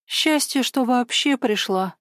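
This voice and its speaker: A woman's voice: on the high side, takes it slowly, a bit bright, no room sound, studio quality, voice pushed up. A woman voicing a tearful, frightened woman who mumbles and hesitates.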